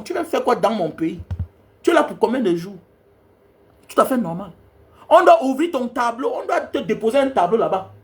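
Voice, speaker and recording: Angry high-voiced man ranting. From Cameroon. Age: young adult. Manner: angry, scolding, repetitive rant. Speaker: travel advisor vlogger. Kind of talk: heated monologue to camera.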